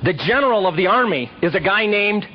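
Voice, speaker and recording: A man teaching a live audience, telling Bible stories in a lively way and quizzing his listeners. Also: high-pitched, fairly quick, slight background noise. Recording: dull lo-fi recording.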